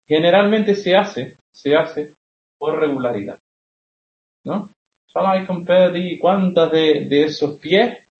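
Young guy teaching poetry class, kinda high voice, echoey dull recording. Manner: explanatory, keeps checking with questions. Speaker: literature teacher. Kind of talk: classroom lecture.

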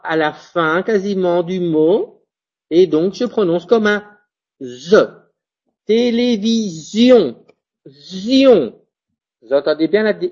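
Pronunciation teacher, husky, lively pitch, spells out letters, checks understanding, dull lo-fi recording. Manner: repeats example words slowly, self-corrects.

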